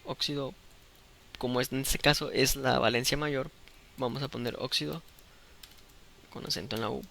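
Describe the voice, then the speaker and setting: A man teaches an online chemistry lesson, speaking close to the mic. His voice is gravelly and bright, with a crisp edge. He explains patiently and keeps checking that the students are following. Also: mid-range voice, fairly even intonation, normal speed, a little hiss or hum. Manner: patient, checks understanding with "¿de acuerdo?".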